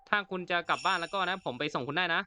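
A man's voice: sits high, rapid-fire, pushed and bright, slight background noise. A man voicing a stern male officer who warns a stranger and orders her to kneel, lifting his voice above his usual talk. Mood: warning. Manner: commanding, warning tone.

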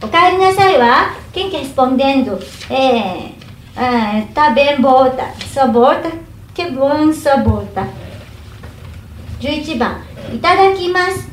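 Woman teacher, high voice, slowly models greetings, roomy echo. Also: expressive. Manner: slow careful demonstration of each phrase. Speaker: Japanese teacher. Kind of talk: language lesson. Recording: echoey room, faint hum.

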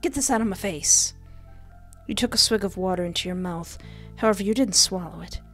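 A young woman streamer narrates a visual novel aloud at her desk, tossing in cheeky, sassy remarks. Her medium-pitched voice is brisk, picked up by a headset and close desk mic over faint game music.

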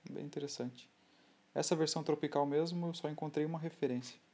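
Relaxed, halting Brazilian man, dark voice. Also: fairly high pitch. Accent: Brazilian Portuguese. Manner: relaxed, halting, with many restarts. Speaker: scale model builder. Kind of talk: hobby tutorial voice-over.

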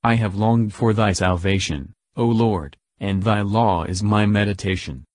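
Guy reading psalms out loud, slow and solemn, kinda low voice, dry sound. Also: dry recording. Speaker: scripture reader.

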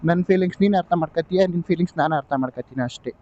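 A male motovlogger who talks fast in a fairly high but dark, mellow voice, weary and placating as he gives in. The recording sounds dull and lo-fi. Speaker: motovlogger and rider. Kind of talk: comic motovlog sketch.

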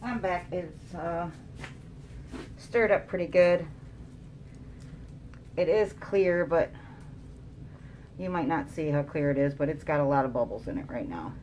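A woman's voice: low-pitched, measured pace, pauses often, darkish tone, slight background noise. A woman casually narrating a craft tutorial, her voice muffled by a mask over her mouth. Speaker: resin craft demonstrator.

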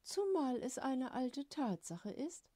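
A woman doing a calm middle-aged mother in a storybook reading, gentle and wry. She speaks slowly in a mellow, darker tone. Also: high-pitched, no echo, pitched above the performer's own voice, exaggerated voice.

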